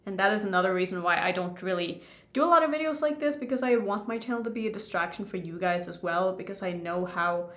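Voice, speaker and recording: A woman's voice: mid-range voice, quick pace, a bit bright. A young adult woman rambling candidly to her viewers in a casual makeup vlog. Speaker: beauty YouTuber. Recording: roomy indoor echo.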